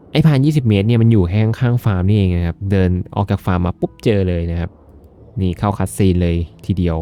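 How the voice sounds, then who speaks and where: A man's voice: deep voice, dark tone, slight background noise. A man giving chatty, jokey let's-play commentary with polite sentence endings as he plays a farming game. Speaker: gaming video host.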